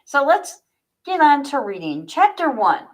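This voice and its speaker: Talking a little slowly in a high, sing-song voice, an author chats casually with her livestream viewers, addressing them directly, and then reads from her own fiction.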